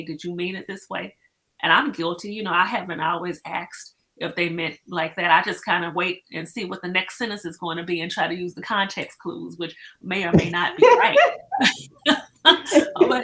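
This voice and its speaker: A woman's voice: lowish voice, sharp tone. A woman in a casual chat, talking in a reflective, explaining way with lots of "like" and "you know".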